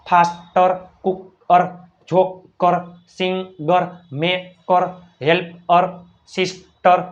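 A man teaching spoken English who drills each word slowly and checks in with viewers, then rushes through his asides. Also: high voice, lo-fi sound.

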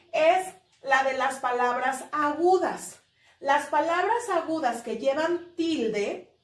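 High-voiced Mexican teacher, slow and echoey. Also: female voice. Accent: Mexican Spanish. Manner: stretches words slowly to mark the stressed syllable. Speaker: primary school teacher. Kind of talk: online class lesson. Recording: echoey room, voice a little far from the mic.

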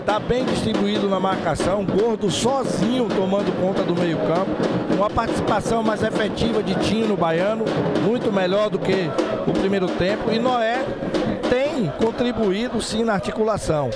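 A man's voice: high-pitched, moderate pace. A man with a Bahian accent analysing a live football match. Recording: loud percussion music behind the voice.

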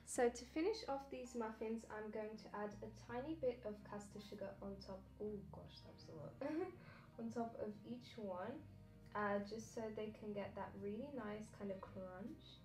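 A woman's voice: medium pitch, normal speed, a little mellow, soft background music. A woman hosting a casual baking vlog from her kitchen, chatty and enthusiastic as she talks viewers through a recipe. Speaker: baking channel host.

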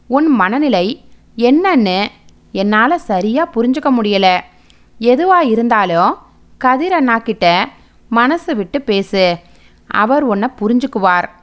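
Woman voicing a gentle coaxing young sister-in-law. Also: fairly high pitch. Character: kind young sister-in-law reassuring the bride.

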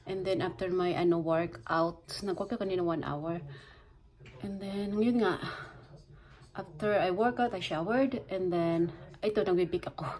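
A middle-aged woman with a Filipino accent and a mid-range, darkish voice talks casually to viewers as a home baking vlogger, weaving Tagalog and English together. She's indoors in a small home kitchen, recorded on a phone at arm's length or propped nearby, and the sound is clearly noisy.

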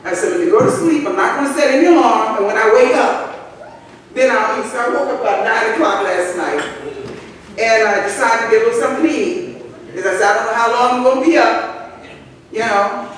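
A woman's voice: fairly high pitch, fairly quick, far from the mic, a little hiss or hum. An older woman pastor preaching a sermon from a church pulpit, telling personal stories in a conversational way with asides to the congregation. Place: large church sanctuary, at a pulpit. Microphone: pulpit microphone, far camera. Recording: echoey church hall from afar.

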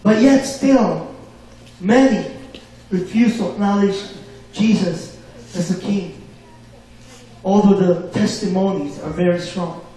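Male preacher, high voice, call-and-response delivery, booming church echo, distant mic. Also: takes it slowly, pauses often, warm tone. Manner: call-and-response, asks for amens. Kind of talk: sermon. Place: church hall. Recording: very echoey hall, mic far off.

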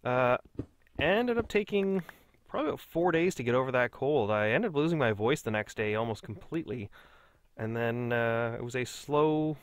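A man's voice: medium pitch, a bit bright, no echo. A man hosting a Let's Play, chatting casually and mocking himself as he plays. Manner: chatty, self-mocking, talks to himself while playing. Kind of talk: casual gameplay commentary.

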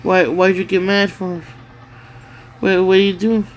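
A woman's voice: mid-range voice, little pitch movement, unhurried. A woman in casual chat, teasingly prodding a sleep-talking partner with repeated questions. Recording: noisy home recording.

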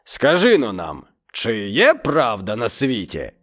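A man voicing an ungrateful, hungry male tiger in a storybook reading, growly and drawn-out, with soft music behind. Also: mid-range voice, wildly swooping pitch, heavily acted. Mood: gloating.

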